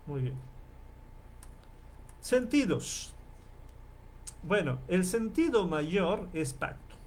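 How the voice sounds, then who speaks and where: A man lecturing as a professor in an online class, explaining and repeating terms slowly and checking in with his listeners often. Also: high-pitched, big pitch swings, a little hiss or hum. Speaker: Bible professor.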